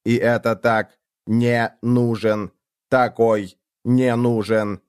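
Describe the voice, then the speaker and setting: A man's voice: medium pitch, little pitch movement, slow pace, clear, resonant tone, no room sound, studio quality, close to an everyday voice. A man voicing a sneering male ship computer that needles and mocks a young man in a cold, sarcastic way. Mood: mocking.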